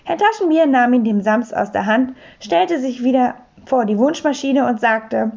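A woman narrating a children's story audiobook with lively storytelling. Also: on the high side, moderate pace, dull audio. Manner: lively storytelling, clear phrasing.

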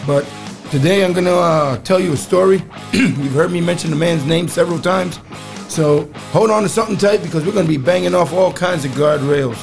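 Man podcaster with a rough, strained voice. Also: fairly high pitch, a little fast, faint music behind. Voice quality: rough, strained voice with frequent throat clearing. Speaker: podcast host. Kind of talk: solo podcast talk, casual storytelling.

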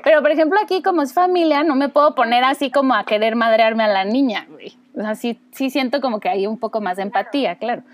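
A Mexican woman in her thirties chatting casually as a podcast co-host, animated and acting out children's voices. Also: fairly high pitch, fast talker. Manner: animated, acts out kids' voices with squeals. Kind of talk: casual chat.

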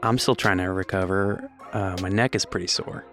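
A man co-hosting a casual podcast, telling stories in a relaxed, easygoing way. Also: low-pitched, moderate pace, music in the background. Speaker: podcast co-host.

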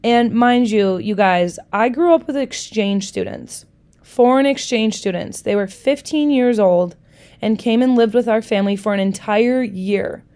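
A woman's voice: on the high side, unhurried, dark tone. A woman in her thirties from Wisconsin, hosting her podcast in a bubbly, chatty way, talking straight to her listeners with slang. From Milwaukee, Wisconsin. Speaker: podcast host. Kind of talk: casual chat.

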